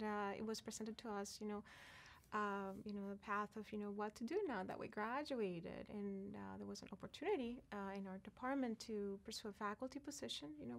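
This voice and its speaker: A woman's voice: mid-range voice, vocal fry. A woman, a professor talking thoughtfully in an interview, with many "you know"s. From Venezuela. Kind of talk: conversational interview.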